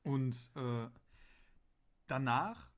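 A man's voice: mid-range voice, animated, drawn-out words. Rambling German man in casual podcast talk. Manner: rambling, many fillers, acts out quotes. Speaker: podcast co-host. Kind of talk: casual chat about a radio play.

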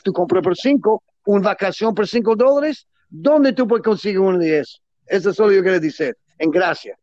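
Wrapping up a relaxed interview, the guest, a high-voiced man in the cigar business, sounds enthusiastic and salesy as he stumbles through Spanish with grammar slips. Spanish isn't his native tongue but a second or third language; his tone is a little mellow, and the audio is dull with no room sound.

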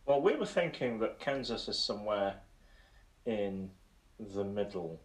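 Low-voiced man thinking aloud, echoey room. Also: expressive, a little slow. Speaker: quiz contestant. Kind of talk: casual quiz chat.

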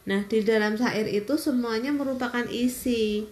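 A woman's voice: a little high, fairly even intonation, moderate pace, a little mellow. Woman, 40s, patient step-by-step explainer, informal answers, roomy echo. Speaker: interviewed mother explaining a school lesson.

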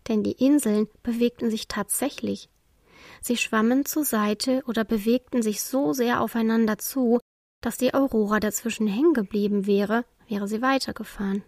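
Higher-voiced woman reading a storybook. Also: steady tone, moderate pace, darkish tone, no echo, clean studio sound. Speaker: narrator.

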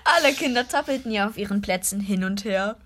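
A woman's voice: mid-range voice, expressive, brisk, a bit bright. A woman narrating a story in a casual group read-aloud, laughing and breaking off for side remarks.

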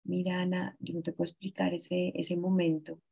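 A woman in her forties, a guest telling a painful personal story in an earnest, halting way, often restarting her sentences. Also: on the low side, little pitch movement, creaky, warm tone, slightly rough. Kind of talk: emotional personal account.

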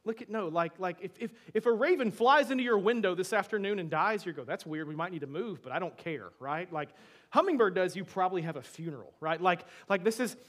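A male pastor giving a sermon to a congregation in a church, talking conversationally with many rhetorical questions and moving between soft asides and emphatic bursts. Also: high voice, animated, fairly quick.

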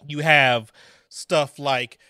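A man's voice: on the high side, fairly even intonation, drawn-out words, sharp tone, clear, resonant tone, dry recording, clean studio sound. A man co-hosting a podcast in casual chat, often repeating words as he makes his point. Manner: stammering, repeats words when making a point. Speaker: podcast co-host.

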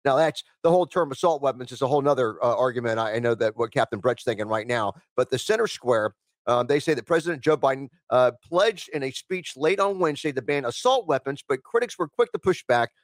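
A man's voice: medium pitch, expressive, brisk, dry recording. Male radio host, rambling, reads news, filler-heavy, dry studio sound. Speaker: talk show host. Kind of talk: live radio talk show hosting. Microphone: studio microphone.

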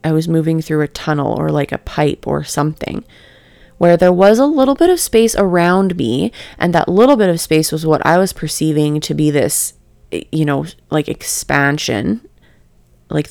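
A woman giving a reflective spiritual talk in a calm, near monotone voice, halting and searching for words with many fillers. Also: low-pitched, vocal fry, no room sound. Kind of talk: reflective spoken meditation talk.

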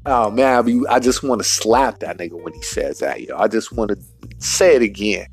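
A man hosting a solo podcast rant, profane and emphatic, in street slang, repeating his points and spelling words out slowly. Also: lowish voice, expressive, slightly rough, faint music behind. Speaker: podcast host.

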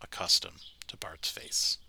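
A man's voice: a little slow, bright, forceful tone, whispered. A man hosting a casual podcast chat, summarizing a cartoon episode at length and laughing often. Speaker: podcast host.

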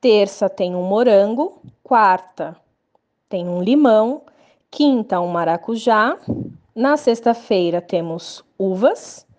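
A woman teacher, speaking slowly and patiently to young children in a lesson podcast. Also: medium pitch, expressive, darkish tone. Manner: slow, patient, sing-song explaining to young children.

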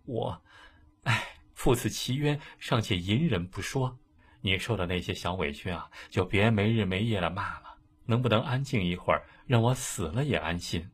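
A man voicing a meek young wife who speaks softly and wearily, pleading. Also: lowish voice, expressive, moderate pace, breathy edge. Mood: resigned. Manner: soft, weary, pleading.

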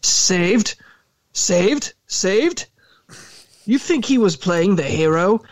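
A man's voice: high-pitched, expressive, dry recording, pitched above the performer's own voice. A man voicing a bitter teenage boy. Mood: sputtering. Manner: defensive, sputtering, halting. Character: bitter, resentful teenage schoolboy.

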